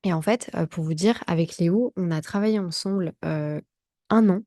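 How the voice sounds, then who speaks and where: A woman in her thirties from France tells a personal story in a chatty, self-mocking way, stopping often to correct herself. Her voice sits fairly low and sounds warm and mellow. The recording is dry and close, with no room sound. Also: normal speed, no echo. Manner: chatty, self-mocking, many fillers and restarts. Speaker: vlogger. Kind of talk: casual storytelling to camera.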